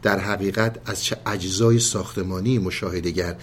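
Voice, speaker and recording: A man with a fairly low voice gives a calm, unhurried lesson on mystical poetry, retelling tales and reciting verses. He speaks to his listeners with polite, measured care. A faint hiss sits under the recording.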